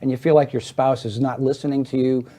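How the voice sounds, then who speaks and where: A man's voice: medium pitch, flat delivery, fast talker, mellow. A middle-aged man on a talk show explaining hearing to the hosts, teaching in a didactic way and acting out little everyday scenes. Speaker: hearing aid specialist guest.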